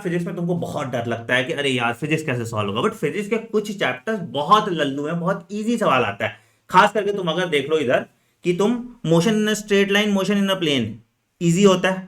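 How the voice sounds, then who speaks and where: A man coaching medical entrance students in an energetic, chatty lesson, talking straight to them and dropping frequent fillers. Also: on the high side. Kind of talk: energetic exam-strategy lesson, chatty Hinglish.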